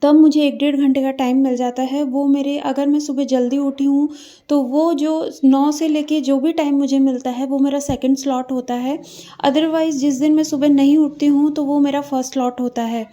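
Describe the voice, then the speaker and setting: A woman's voice: high-pitched, fairly even intonation, moderate pace, mellow, lo-fi sound. A young woman talking casually to her viewers about her study routine as a mother, chatty and full of small hesitations. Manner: chatty, addresses viewers as friends, frequent hesitations. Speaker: vlogger studying for an exam while raising a child.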